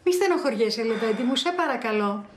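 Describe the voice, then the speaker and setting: A woman's voice: on the high side, animated, slight background noise, close to an everyday voice. Woman playing a fussing, doting mother. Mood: soothing. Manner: soothing, fussing. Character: doting mother comforting her son. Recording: roomy echo.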